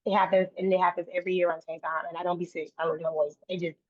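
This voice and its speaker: A woman guest speaks earnestly in a casual interview, restarting and repeating phrases as she goes. Her lowish voice is level and rapid-fire, heard over a dry, tinny, phone-like line.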